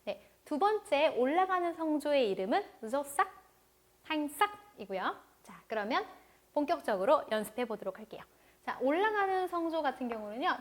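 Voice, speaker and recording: A woman with a high voice gives an online language lesson. She speaks patiently and repeats each word slowly so viewers can read along. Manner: patient, repeats words slowly for learners to follow. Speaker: language teacher.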